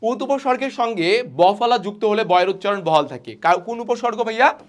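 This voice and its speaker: A young man teaching an online grammar class. He asks the students questions, answers them himself and repeats the example words slowly. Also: sits high, expressive.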